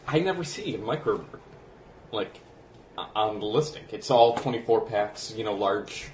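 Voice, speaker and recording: A man's voice: lowish voice, expressive, moderate pace, darkish tone. A man co-hosting a podcast, chatting and explaining with lots of fillers. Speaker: podcast co-host. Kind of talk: casual chat. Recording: roomy echo with faint noise.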